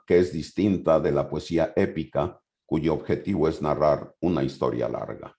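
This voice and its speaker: A man giving a conference lecture, reading passages from his notes and then explaining them loosely, with hesitant pauses. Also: low-pitched, mellow.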